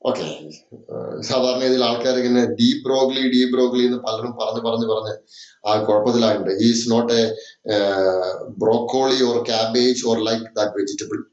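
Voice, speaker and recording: A man's voice: mid-range voice, fairly even intonation, measured pace, darkish tone, reverberant, dull audio. A man teaching a chemistry lesson with a Malayali accent, switching between English and Malayalam, repeating points with many "okay"s. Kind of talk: classroom lecture.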